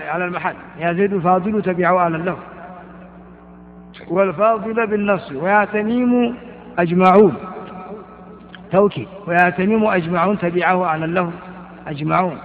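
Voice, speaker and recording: An older man teaching Arabic grammar in a lecture, repeating examples and asking and answering his own questions. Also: sits high. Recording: tinny, echoey old lecture recording.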